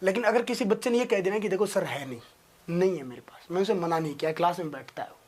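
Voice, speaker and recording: A young man, a teacher from India, giving his students an impassioned motivational talk, his voice climbing to loud, emotional pleading. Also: high voice, expressive, fast talker.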